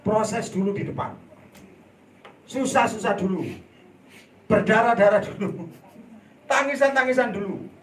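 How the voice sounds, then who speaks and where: A man preaching a sermon in a church hall, telling a story with laughter and sudden loud outbursts. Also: high-pitched, measured pace, long pauses. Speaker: evangelist preacher. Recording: echoey hall, voice from a distance.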